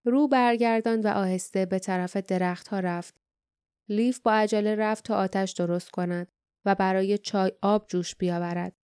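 A woman narrating a fantasy audiobook in a steady, even storytelling manner. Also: medium pitch, clear, resonant tone, no room sound, studio quality.

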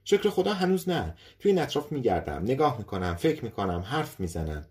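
A man's voice: mid-range voice, very animated, a little mellow, pitched above the performer's own voice, natural voice. A man voicing an eccentric male scientist who mutters to himself and talks with nervous cheer, in an audiobook story. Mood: nervously chatty.

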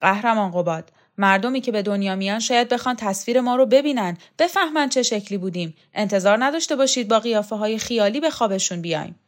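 A woman's voice: mid-range voice, lively intonation, close to an everyday voice. A woman playing a bossy, insistent older lady. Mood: commanding. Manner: insistent and loud, calls people hero. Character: bossy, energetic middle-aged woman organizing everyone.

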